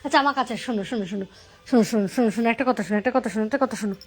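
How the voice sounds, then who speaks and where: A woman's voice: on the high side, rapid-fire, a little mellow, slight background noise. A young woman talking to her angry pet dog, soothing and pleading with it, repeating words over and over. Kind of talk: coaxing talk to a pet.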